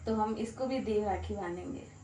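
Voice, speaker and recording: A young woman chatting casually in a family vlog, gently coaxing and asking the same things again and again. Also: mid-range voice, moderate pace, a little hiss or hum, rough recording. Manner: coaxing, tender, repeats questions. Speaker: vlogger.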